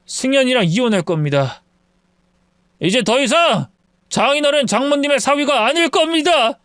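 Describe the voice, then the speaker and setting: A man's voice: extremely high pitch, a bit bright, no room sound, studio quality, pitched above the performer's own voice. A man doing a drunk, whiny young husband. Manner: slurred, pleading and drawn-out.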